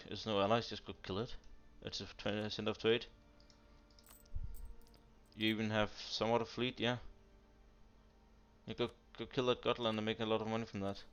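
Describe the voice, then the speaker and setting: Man, lowish voice, smooth, blunt game critique, dull lo-fi mic with keyboard clicks. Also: a bit bright. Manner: blunt, exasperated critique with frequent fillers. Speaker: strategy game reviewer. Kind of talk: casual commentary over gameplay.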